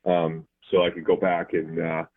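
A man calling in as a guest football analyst, talking in a relaxed way with many fillers. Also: low-pitched, moderate pace, creaky. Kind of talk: phone-in interview. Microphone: phone. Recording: tinny phone line.

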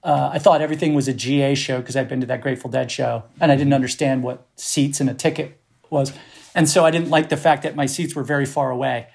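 A man's voice: medium pitch, fairly even intonation, quick pace, gravelly, darkish tone. A middle-aged man from the Boston area, a podcast guest, telling rambling, profane, self-deprecating stories full of restarts. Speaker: podcast guest, festival producer. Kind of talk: casual storytelling conversation.

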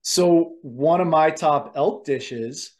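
A man hosting a casual chat, telling animated stories about cooking wild game and laughing often. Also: fairly high pitch, slow. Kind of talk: casual conversation.

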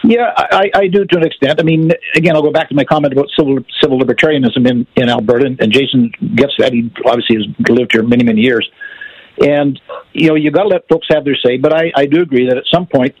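A man speaking over the phone as a call-in guest, frank and brisk, often repeating words as he restarts. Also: medium pitch, slightly rough, dry recording. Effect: heard over the phone. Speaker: call-in guest, former politician. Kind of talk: casual call-in chat. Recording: muffled phone line, dry.

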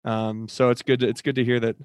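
A man's voice: mid-range voice, flat delivery, quick pace, no room sound, studio quality. A man co-hosting a podcast in casual chat, upbeat and teasing, laughing a lot. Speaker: podcast co-host.

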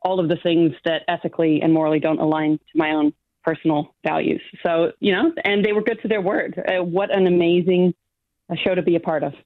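Over a phone or video call line that sounds thin but has no echo, a woman judge from outside New Zealand speaks fairly quickly in a fairly low voice. Self-assured and lively, she laughs a lot throughout the remote interview.

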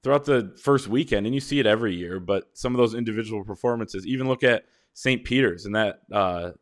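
A man hosting a sports podcast, talking through basketball games in a measured, casual way with long, winding points. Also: on the low side. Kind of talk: casual sports analysis chat.

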